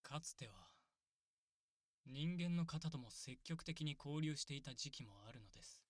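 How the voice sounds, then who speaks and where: Elf priest, male actor: kindly, formal, measured ASMR role-play. Breathy husky tone, dry close sound. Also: fairly high pitch, animated, no echo. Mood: wistful, nostalgic. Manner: very polite, soft, measured. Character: kindly, courteous, long-lived male elf priest, wistful and gentle.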